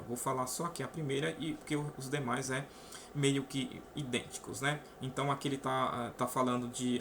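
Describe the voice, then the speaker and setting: In a casual online math class, a Brazilian man walks his students through the problem one step at a time, often asking "né?". His voice is on the high side and fairly bright, with a Brazilian Portuguese accent and slight background noise.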